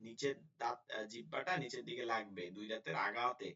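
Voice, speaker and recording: A man leads an online Quran pronunciation class. His voice is ordinary in pitch. He repeats syllables again and again and patiently explains where the lips and tongue go. The recording sounds a little dull and lo-fi. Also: sharp tone. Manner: drills syllables slowly and repeats them for practice; explains mouth and lip positions patiently in colloquial speech. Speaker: Quran recitation teacher.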